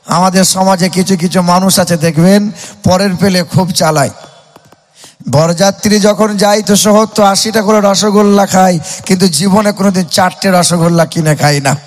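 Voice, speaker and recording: A man's voice: high voice, steady tone, normal speed, faint music behind. A man preaching a sermon, telling a story in a sing-song cadence and calling out to his listeners. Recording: long hall reverb.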